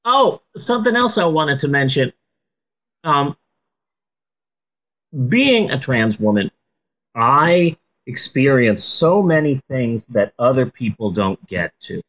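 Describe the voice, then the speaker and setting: A woman podcaster talks in a stoned, rambling way. Her low-to-mid voice takes its time and swings widely in intonation. She drops deadpan jokes and curses into loose, casual chat. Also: takes it slowly, pauses often, poor audio. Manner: deadpan joking, sweary. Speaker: podcast host.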